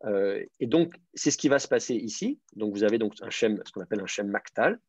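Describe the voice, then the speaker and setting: A man's voice: fairly low pitch, expressive, fairly quick, breathy edge, dry recording. A man teaching an online class, explaining step by step with many fillers and restarts. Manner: hesitant, many fillers and repeated words, patient explaining. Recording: dry, slightly dull lo-fi sound.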